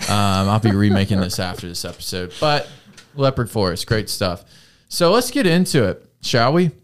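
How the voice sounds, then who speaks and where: A man's voice: on the low side, animated, normal speed, background noise. A man in his twenties hosting a podcast, rambling and joking in casual chat and laughing often. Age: 20s. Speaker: podcast host.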